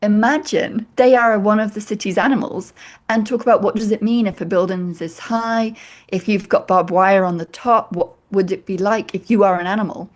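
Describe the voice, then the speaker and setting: A woman's voice: medium pitch, fairly even intonation. Reflective woman author being interviewed. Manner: measured, reflective, builds points in lists. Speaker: author guest. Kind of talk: thoughtful interview answers.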